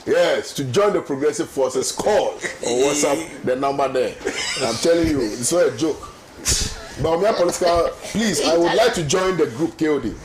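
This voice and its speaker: A Ghanaian man hosting a lively morning radio talk show, emphatic and given to repeating phrases. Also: fairly high pitch, moderate pace, a crowd in the background. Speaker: host.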